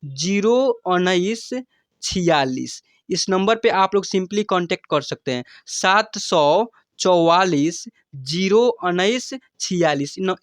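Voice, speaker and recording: A man teaching the Hindi alphabet, reciting syllables slowly and repeating each one with teaching fillers. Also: sits high, clear, resonant tone, no room sound. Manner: slow, drawn-out recitation of syllables.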